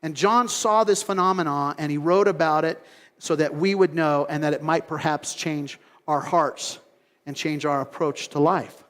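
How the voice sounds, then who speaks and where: A man preaching a sermon as pastor, telling stories in an animated way and acting out other people's voices. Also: fairly high pitch, normal speed, big-room sound. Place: church sanctuary.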